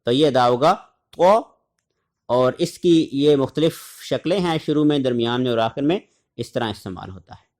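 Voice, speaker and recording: A man from Pakistan teaching a tajweed lesson, repeating syllables slowly and deliberately and chanting short recitation examples. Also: medium pitch, darkish tone. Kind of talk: tajweed lesson, drilling letter sounds.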